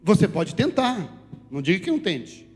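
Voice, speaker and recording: Male pastor from Brazil, high voice, preaching a sermon, long hall echo, soft music behind. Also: normal speed. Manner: animated, shifts between loud calls and soft asides. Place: church sanctuary. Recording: reverberant church hall with faint music.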